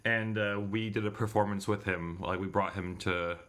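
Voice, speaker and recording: With a lowish, steady voice that's a bit bright, a thirty-something man chats at a normal pace on his livestream. He's hosting a visual novel readalong, rambling and digressing casually and often catching and correcting himself.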